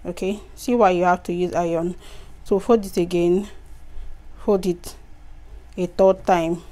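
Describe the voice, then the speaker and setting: A woman's voice: fairly low pitch, fairly even intonation, unhurried, dark tone. A woman hosting a craft channel, talking through a sewing tutorial in a casual, chatty way, with a tired voice and instructions she repeats. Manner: chatty, repeats instructions, frequent "okay" and "so guys".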